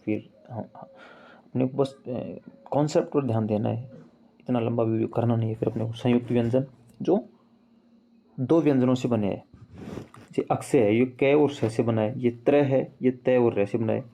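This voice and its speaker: A man teaching Hindi grammar in a casual online lesson, explaining slowly and repeating examples as he addresses viewers as friends. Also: medium pitch, vocal fry, mellow, lo-fi sound, a little hiss or hum. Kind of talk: casual screen-share lesson.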